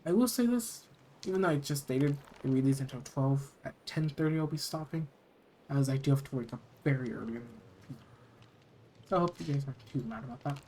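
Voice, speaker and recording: A storyteller reading horror stories aloud as host, with casual asides and hushed, dramatic pauses. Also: medium pitch, animated, poor audio. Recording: noticeable background noise.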